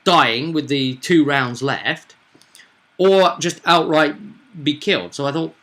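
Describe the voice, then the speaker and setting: This game master is a man whose bright, forward voice sits a little high, and he takes things slowly. Walking players through a tabletop roleplaying game, he talks in a relaxed, conversational way, repeatedly seeking agreement through tag questions.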